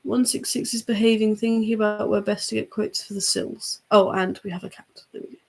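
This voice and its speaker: A woman's voice: medium pitch, flat delivery, fairly quick, vocal fry, darkish tone. A woman co-hosting a livestream in casual chat, chatty and giggly, often trailing off with fillers. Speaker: livestream co-host.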